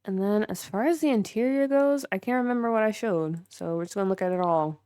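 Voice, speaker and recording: A woman's voice: mid-range voice, fairly quick, warm tone, clear, resonant tone, no echo. A young woman livestreaming, giving a chatty, filler-heavy tour of her game build and chatting with viewers. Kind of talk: casual livestream commentary while building in a game.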